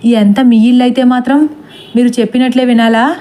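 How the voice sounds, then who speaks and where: A woman's voice: fairly high pitch, flat delivery, moderate pace, mellow, lightly acted. A woman voicing a headstrong older woman who speaks sharply and dismissively in a storybook reading. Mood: scornful.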